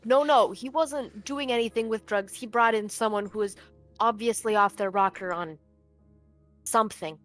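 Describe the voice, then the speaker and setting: A woman's voice: on the high side, normal speed, a bit bright, soft background music. A woman playing in a tabletop game, chatty and laughing. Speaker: player. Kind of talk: casual tabletop game chat.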